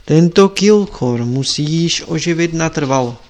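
A man's voice: fairly high pitch, animated, a little mellow, natural voice. A man voicing an old male sorcerer who teaches his apprentice in a solemn, instructive way in a storybook reading.

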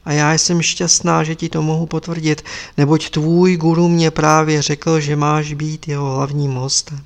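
A man's voice: on the high side, flat delivery, close to an everyday voice. A man voicing a kindly, fussing middle-aged woman who chatters eagerly, in a story read aloud. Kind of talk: audiobook character reading.

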